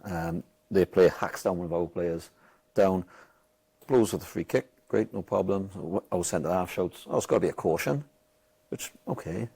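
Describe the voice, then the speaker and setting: Speaking in a low, gravelly, husky voice at a slightly slow pace, a man from Wales recounts a match in casual conversation. He's a football manager, animated and freely swearing, loudly performing the quotes.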